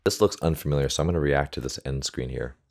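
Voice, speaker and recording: With an extremely low, darkish voice and a fast pace, this volleyball coach hosts a reaction video. He muses out loud in a casual way, speaking close to a desktop USB mic.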